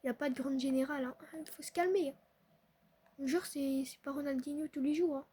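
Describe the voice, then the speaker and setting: A young woman chatting excitably to her viewers while playing a football video game. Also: high voice, fairly quick. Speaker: gaming streamer. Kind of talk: casual live commentary on a football video game.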